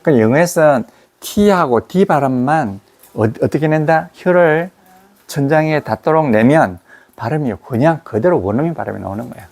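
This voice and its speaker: Male pronunciation teacher, gravelly, stretches out example words. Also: a little high, animated, darkish tone. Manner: repeats example words slowly, drawn out. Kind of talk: explaining and demonstrating pronunciation.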